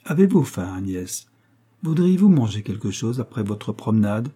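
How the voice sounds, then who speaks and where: Man voicing prim old maid aunt, dark husky tone, raised pitch, strict storybook manner. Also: big pitch swings, moderate pace. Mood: stern, probing.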